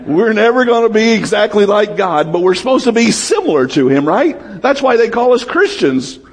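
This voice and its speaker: A man preaching a sermon as pastor, calling out to his congregation, swinging between shouts and low, quiet lines. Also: moderate pace. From United States. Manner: lively preaching, calls out to the congregation, rises to shouts and drops low.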